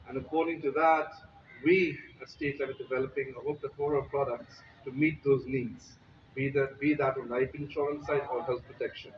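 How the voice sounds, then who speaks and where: A man gives a measured, formal corporate speech at a ceremony. His mid-range voice is caught from across the room. The sound is dull and carries a faint hiss. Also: medium pitch, far from the mic. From Pakistan. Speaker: insurance company executive.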